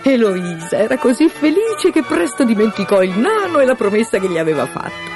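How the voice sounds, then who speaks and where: Woman reading a fairy tale out loud, super sing-songy pitch, music in the background. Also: brisk. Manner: expressive, lilting. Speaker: storyteller. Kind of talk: fairy tale read-aloud narration. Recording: music playing behind.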